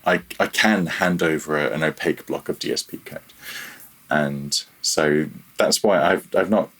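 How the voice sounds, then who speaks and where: A podcast guest who is a freelance audio programmer chats casually in an interview, his voice extremely low in pitch yet fairly bright in tone, and his pace unhurried. He talks in a self-deprecating way and hesitates a little over his phrasing.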